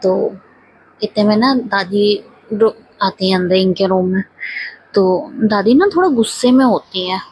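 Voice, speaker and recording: Husky-voiced woman casually retelling a story. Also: mid-range voice, unhurried, pauses often, darkish tone, poor audio. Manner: chatty, strings the story together with repeated "so she says". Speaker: storyteller recapping a web series. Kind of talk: casual spoken story recap.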